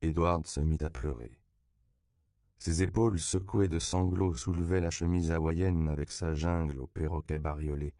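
A man narrating an audiobook in a deep, gravelly voice. His tone is smooth and resonant, and the recording is close and dry. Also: normal speed, dark tone, dry recording. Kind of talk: scripted narration.

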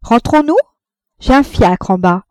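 A bold kept woman, brash and familiar, tossing off her lines carelessly, as a woman reader puts her on. The voice is pushed higher and louder than the narration, mellow, recorded dry. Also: expressive, unhurried, no echo. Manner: casual, offhand.

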